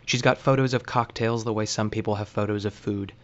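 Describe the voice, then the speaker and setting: A male host reads scripted narration in a dry, wry and deliberate way. His voice is on the low side. The recording sounds a bit dull. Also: fairly even intonation.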